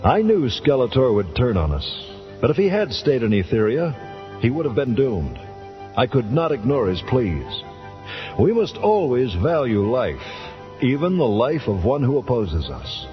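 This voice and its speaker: A man's voice: medium pitch, huge pitch swings, unhurried, soft background music. A man voicing a brave, earnest warrior hero in a 1980s cartoon storybook, recorded on muffled tape. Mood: noble. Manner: earnest, declamatory. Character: brave, noble young barbarian hero.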